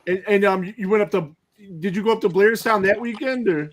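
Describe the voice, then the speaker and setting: A man's voice: high-pitched, fairly quick. A man hosting a podcast, chatting loosely and reading out listener questions. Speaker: podcast host. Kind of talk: casual chat.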